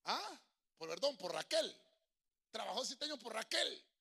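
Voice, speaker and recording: Male pastor, middle-aged, bright, sharp tone, lively sermon delivery in a church. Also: extremely high pitch, a little slow, vocal fry, slightly rough. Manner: sings choruses, addresses listeners as brother.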